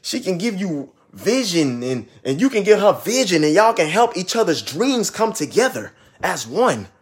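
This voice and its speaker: A man's voice: high-pitched, sing-song, moderate pace, husky. A man in his twenties giving preachy relationship advice in a casual monologue, repeating phrases for emphasis. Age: 20s. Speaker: ministry vlogger.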